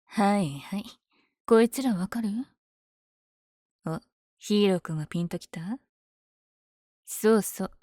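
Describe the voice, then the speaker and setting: A woman playing a powerful, flirtatious villain lady smitten with her hero rival, in an ASMR audio drama with teasing, breathy asides. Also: on the low side, normal speed, long pauses, warm tone, no room sound, studio quality, natural voice. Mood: breezy, taunting.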